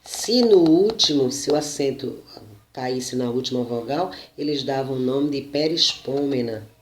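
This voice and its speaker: A Brazilian teacher giving a slow spoken lesson, explaining and checking in with the listener as he goes. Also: medium pitch, lively intonation. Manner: slow, deliberate, frequent "né?" and self-corrections. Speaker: Portuguese teacher. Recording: roomy echo.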